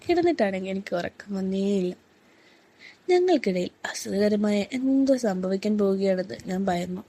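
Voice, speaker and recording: A woman reading a first-person story aloud in a soft, unhurried, intimate way. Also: medium pitch, lively intonation.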